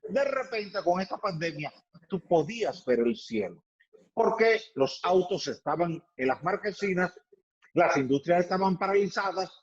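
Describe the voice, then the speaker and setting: High-voiced man on a dull lo-fi line. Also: lively intonation, normal speed. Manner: emphatic, builds points by repetition. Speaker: environmental expert guest. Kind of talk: explanatory radio interview.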